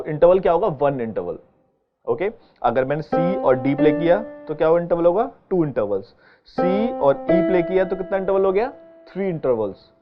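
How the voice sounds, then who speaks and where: A man teaching an online keyboard lesson, explaining step by step and often checking that his students follow. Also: a little high. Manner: patient, explaining step by step with frequent check-ins. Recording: dull lo-fi sound with keyboard playing behind.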